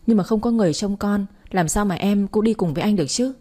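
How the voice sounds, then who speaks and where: A woman's voice: medium pitch, fast, warm tone, lightly acted. A woman voicing a spirited young mother in a story, pert and a little defiant.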